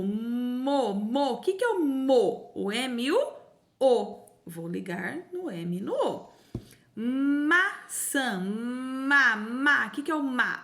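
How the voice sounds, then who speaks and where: Brazilian woman teacher, animated, higher voice, patient sing-song delivery for young children. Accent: Brazilian Portuguese. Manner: slow, sing-song syllable-by-syllable sounding out. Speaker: primary school teacher. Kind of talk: recorded remote lesson for young children.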